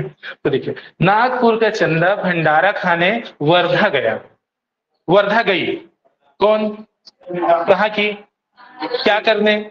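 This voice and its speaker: A man's voice: high-pitched, fairly bright tone. A man teaching an exam coaching class, drilling students with memory tricks and constantly asking if they follow. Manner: repeats questions to students, keeps asking "theek hai?". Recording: echoey room, dull lo-fi sound.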